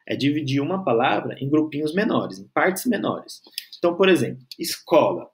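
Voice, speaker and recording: A man's voice: fairly high pitch, very animated, slight background noise. A man teaching a grammar lesson, patiently stretching out syllables and checking in with the learner. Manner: patient, spells out syllables slowly, frequent "tá?" and "certo?" checks.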